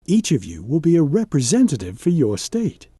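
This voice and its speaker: A man's voice: a little high, wildly swooping pitch, moderate pace, warm tone, slightly rough, no room sound, studio quality, exaggerated voice. A man voicing patient grade-school teachers in a storybook, explaining things in an instructive way.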